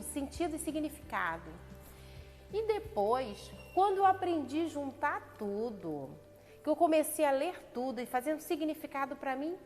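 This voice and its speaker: Woman, church devotional speaker, reflective storyteller; slightly high voice, long hall reverb. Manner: reflective, tells a personal story to explain a point. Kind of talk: personal devotional talk. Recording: long reverb with faint background music.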